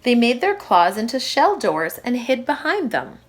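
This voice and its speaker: A woman slowly reads a children's storybook aloud, in the style of a primary school teacher addressing young kids. Her intonation is lively, and she lands expressive emphasis on the important words.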